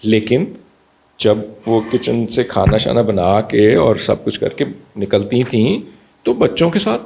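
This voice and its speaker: Doctor guy, gravelly voice, animated, throws in english bits. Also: fairly low pitch, slight background noise. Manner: animated, slips into Punjabi and English phrases. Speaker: pediatrician guest. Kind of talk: conversational explanation.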